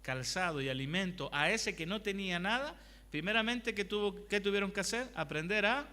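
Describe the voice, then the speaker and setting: A man with a high, sharp-toned voice speaks fairly quickly while preaching in a church hall. His sermon is conversational, full of questions for the congregation and personal stories, and the sound is marked by long hall reverb.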